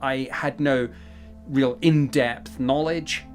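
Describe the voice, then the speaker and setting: A man's voice: mid-range voice, fairly even intonation, slow pace. A man from the United Kingdom with a mid-range voice recalls his past in an interview. He speaks in a composed, precise manner. Light music plays faintly behind. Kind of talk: interview recollection.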